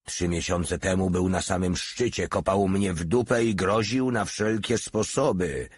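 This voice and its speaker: A man's voice: sits low, a little slow, slightly rough, no echo. A man reading the part of a crude soldier scorning a former tormentor. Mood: scornful.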